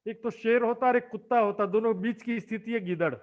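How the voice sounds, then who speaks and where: Very high-voiced male storyteller. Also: fast, phone-quality sound. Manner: animated, acts out the characters. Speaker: religious storyteller. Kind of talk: devotional story sermon.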